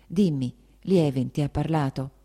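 A woman's voice: sits low, a little slow, warm tone. Dolly, a woman voicing a patient elder sister. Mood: soothing. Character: older married sister, gentle and patient. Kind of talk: audiobook dialogue acting.

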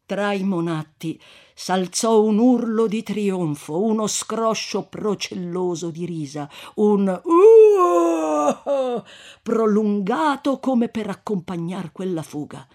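A reader narrating a classic novel in a measured, expressive way. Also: mid-range voice. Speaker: audiobook reader. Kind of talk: literary narration.

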